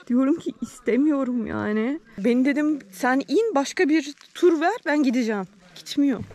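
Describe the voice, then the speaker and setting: A young woman travel vlogger recounting a frightening experience to camera, shaken, acting out what everyone said. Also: high voice. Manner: shaken, quick retelling with quoted dialogue. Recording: noisy hidden camera recording.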